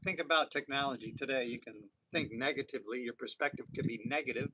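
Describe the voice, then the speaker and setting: A man's voice: medium pitch, fast talker, sharp tone, low-quality recording. Sixties guy live streaming outdoors, upbeat and rambly, lotta background noise. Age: 60s. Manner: upbeat, motivational, rambling with restarts. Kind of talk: casual live-stream monologue. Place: outdoors on an island. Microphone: phone or camera for a live stream.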